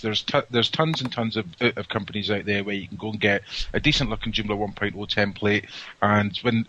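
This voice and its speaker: A man's voice: lowish voice, sharp tone. A man with a broad Scottish accent chatting casually as an interview guest, jokey and often restarting his phrases, on a muffled remote call. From Scotland. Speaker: podcast guest, template company representative. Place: remote audio-only call. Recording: dull, muffled lo-fi call audio.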